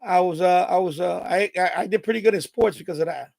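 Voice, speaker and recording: Fast-talking with vocal fry, a fifty-something man carries on animated live stream chat about radio as a hobby. Born in Puerto Rico and raised in the Bronx, he has a heavy Bronx New York accent and sounds intense and worked up.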